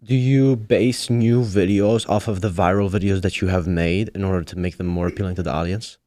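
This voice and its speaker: A man's voice: deep voice, steady tone, a little fast, mellow. A man hosting a casual podcast, asking long questions while searching for words. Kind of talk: casual interview chat.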